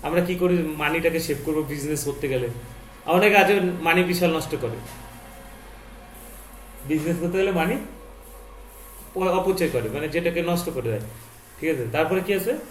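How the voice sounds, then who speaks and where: A teacher with a fairly high male voice tutors a learner at a moderate pace, leaving long pauses. He quizzes the student again and again and corrects their pronunciation. The room sounds echoey, with a faint background noise.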